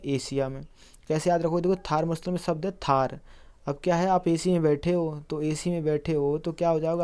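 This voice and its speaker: Smooth-voiced man teaching memory tricks. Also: on the high side, warm tone. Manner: asks quiz questions and answers them himself; explains with memory tricks, addresses viewers as friends. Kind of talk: exam-prep lesson on video.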